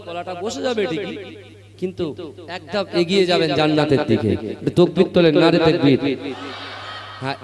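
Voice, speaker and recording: A man preaching a sermon, chanting verses and calling on the crowd to answer aloud, moving from quiet talk to loud preaching. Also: high-pitched. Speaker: Islamic preacher. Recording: echoey live PA sound with crowd.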